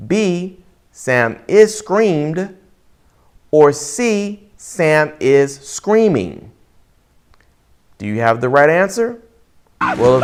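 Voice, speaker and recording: A man teaching an English lesson in a playful, deliberate way, quizzing the listener. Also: fairly high pitch. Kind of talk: lesson voice-over over movie clips.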